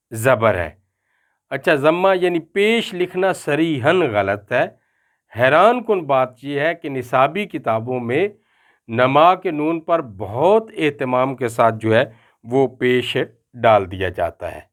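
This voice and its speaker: An older man with a Pakistani Urdu accent giving a spoken pronunciation lesson, slowing down to say each word carefully. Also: on the high side.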